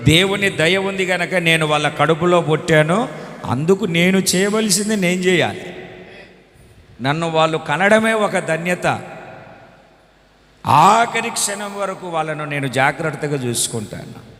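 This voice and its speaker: High, bright-voiced impassioned pastor. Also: male voice, unhurried, pauses often, big-room sound. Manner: impassioned, rising to loud proclamations. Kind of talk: sermon.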